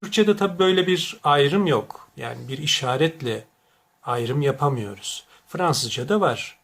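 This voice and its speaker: A man giving a diction lesson, deliberately saying each word wrongly and then correctly to contrast the sounds. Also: fairly high pitch, expressive, a bit bright. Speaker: diction teacher.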